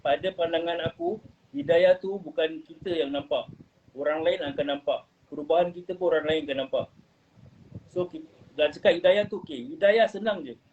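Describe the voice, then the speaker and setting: A man's voice: fairly high pitch, moderate pace, husky. A man telling his life story in an earnest, rambling way, dropping in English phrases. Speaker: guest. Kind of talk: casual personal testimony. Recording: muffled recording with faint noise.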